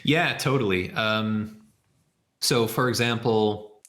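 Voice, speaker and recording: A low-pitched man with a bright, forward tone works through his answer aloud, one step at a time, as if demonstrating on screen. His voice rings in an echoey room, and keyboard typing clicks in the background. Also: slow pace. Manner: thinking aloud, explains step by step. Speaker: software developer answering questions. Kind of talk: live Q&A with screen demo.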